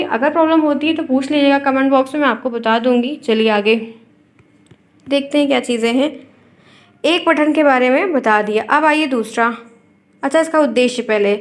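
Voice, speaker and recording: A woman teacher giving an exam-prep lecture, explaining with everyday examples and checking in with her students often. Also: high voice.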